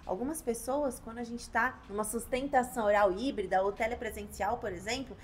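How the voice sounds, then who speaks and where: A Brazilian woman lawyer teaching colleagues how to argue in court, changing her pace and loudness on purpose and acting out courtroom lines. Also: fairly high pitch, slight background noise. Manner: varies pace and loudness on purpose, pausing for emphasis; acts out courtroom lines to show how to speak. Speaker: labor lawyer giving advice. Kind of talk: instructional talk to the camera.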